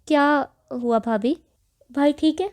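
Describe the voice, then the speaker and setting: A woman's voice: high voice, a little mellow, no echo, voice pushed up, lightly acted. A woman voicing an anxious, tearful younger brother in a storybook reading. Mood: worried.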